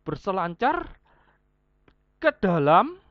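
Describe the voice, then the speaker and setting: A woman teacher explains her online class point by point and ties each idea to everyday examples. Her pitch rises and falls a lot as she talks. The recording is dry and slightly dull, with no room sound. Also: very animated, slow, no echo. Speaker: vocational school teacher.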